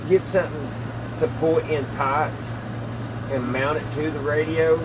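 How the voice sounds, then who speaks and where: The host of a hobby radio repair channel, a middle-aged man with a mid-range voice, chats casually from a small wood-panelled workshop. He thinks aloud, folksy and hesitant, while showing his hands-on tinkering, and background noise is present.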